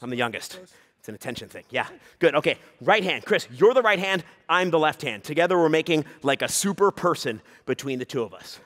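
A man's bright, ringing voice bounces all over the place as he teases a volunteer onstage. His banter is playful and quick, breaking into shouts to pump up the audience. It is a live comedy juggling act. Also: on the high side, lively intonation. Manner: playful teasing banter, bursts of shouted crowd hype. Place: live stage before an audience.

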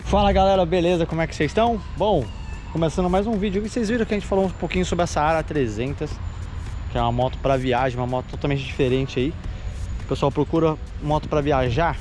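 A man's voice: a little high, fast talker, a little mellow, slight background noise. A man hosting a motorcycle channel, giving enthusiastic casual test-ride commentary straight to his viewers, repeating himself as he goes.

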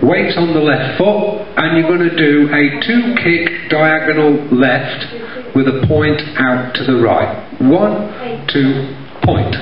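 A man's voice: on the high side, takes it slowly. A middle-aged man with an East Midlands accent from Derbyshire, teaching line dancing live in a jokey, chatty way and calling out the steps. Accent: East Midlands English, Derbyshire. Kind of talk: live dance instruction, counting steps. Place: stage in a community hall. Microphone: handheld microphone through PA, recorded from the audience. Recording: echoey hall, dull sound, audience heard.

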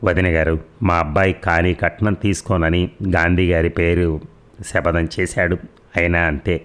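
Guy reading a polite older father in an audio story, deep, calm and reassuring. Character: courteous older father of the groom.

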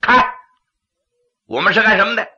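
A male storyteller voicing a bold, mocking martial hero in a gravelly, dramatic voice. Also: sits high, animated, normal speed, bright, forceful tone, lo-fi sound, full character voice. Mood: fierce. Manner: dramatic, taunting.

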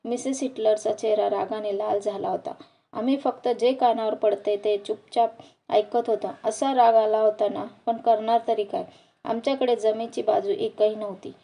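A woman reading a novel aloud with steady storytelling narration. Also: mid-range voice, normal speed, gravelly, distant mic. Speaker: audiobook reader.

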